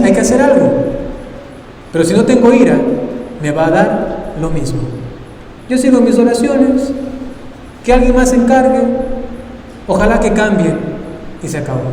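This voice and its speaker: Priest preaching in an echoey church. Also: male voice, sits high, mellow, distant mic, slight background noise. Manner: conversational preaching with frequent rhetorical "¿no?". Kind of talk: sermon. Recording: echoey hall, voice from afar.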